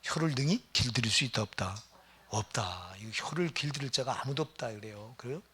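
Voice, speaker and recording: Casting: middle-aged male pastor, husky, chatty sermon, keeps asking the congregation. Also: medium pitch, animated, fairly quick, bright, forceful tone. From Gyeonggi Province, Korea. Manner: conversational, questions the congregation.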